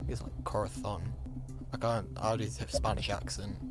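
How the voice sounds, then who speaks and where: A man's voice: fairly low pitch, level tone, a little fast, music in the background. Dry, teasing quizmaster man. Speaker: podcast host running a quiz. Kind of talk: casual quiz chat.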